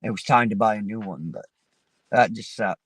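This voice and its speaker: A man runs a laid-back livestream panel from his parked vehicle, rambling casually and swearing as he talks into his phone. He speaks at normal speed in a fairly low voice with a fairly bright tone. The recording is dry.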